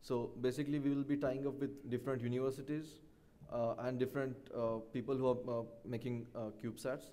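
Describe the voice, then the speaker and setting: A man presenting a startup at a pitch competition, piecing his answer together hesitantly. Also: flat delivery, brisk, mellow.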